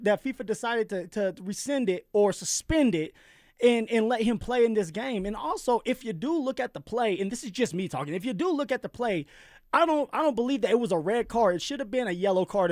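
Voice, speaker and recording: A man's voice: sits high, no room sound, clean studio sound. A man co-hosting a sports talk show, giving blunt opinions with frequent repeated words. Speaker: sports radio co-host. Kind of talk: sports talk radio debate. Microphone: studio microphone.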